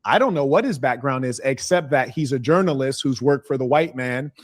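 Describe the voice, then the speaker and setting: A man's voice: medium pitch, brisk, no echo, studio quality. A man giving opinionated commentary in an assertive, sardonic tone.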